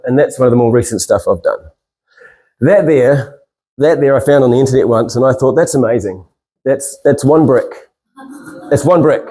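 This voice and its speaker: A man's voice: medium pitch, a little mellow. A middle-aged man with a New Zealand accent giving an informal talk in a self-deprecating, rambling way, with hesitant phrasing. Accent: New Zealand, with Maori greetings. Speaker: speaker and stand-up comedian. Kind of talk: informal inspirational talk to an audience.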